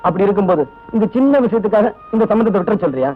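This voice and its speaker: A man's voice: high voice, lively intonation, racing, a little hiss or hum. An actor playing a devoted young man who earnestly pleads with his mother about his sister's wedding. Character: devoted young man, eager elder brother. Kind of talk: 1980s film dialogue. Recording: tinny, phone-like old film soundtrack with music behind.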